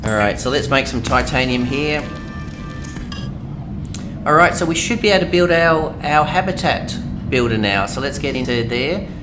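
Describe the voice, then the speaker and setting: A man's voice: medium pitch, animated, moderate pace, music in the background. A man with an Australian accent giving casual, rambling let's-play commentary as a game streamer. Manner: chatty, rambling, many fillers. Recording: noisy home stream audio.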